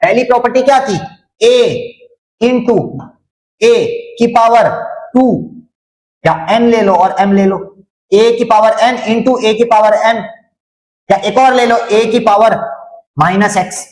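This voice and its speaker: A man's voice: high voice, fairly even intonation, slow, long pauses, a little mellow. A man teaching a maths lesson online, repeating each step, quizzing his students and teasing them. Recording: roomy echo.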